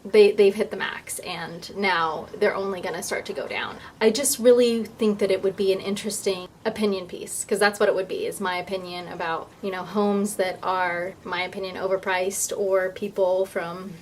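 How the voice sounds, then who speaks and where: Woman doing a casual vlog, chatty n thinking out loud, medium pitch, bit of background noise. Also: steady tone, normal speed, hardly any pauses, rough recording. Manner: chatty, informal, thinking aloud. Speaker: vlogger and real estate agent.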